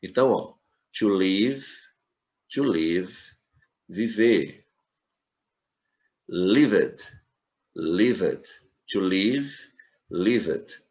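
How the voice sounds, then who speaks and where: A man teaching an English lesson to Brazilian students, explaining patiently and repeating words slowly for them. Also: sits low, lively intonation, a little mellow. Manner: patient, repetitive explaining, checks in with "tá certo?". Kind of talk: recorded classroom lesson. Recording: dull lo-fi sound.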